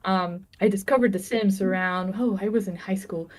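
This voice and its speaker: A woman's voice: mid-range voice, moderate pace. A woman in her thirties from Venezuela, a game developer chatting casually on a livestream, laughing often and joking about herself.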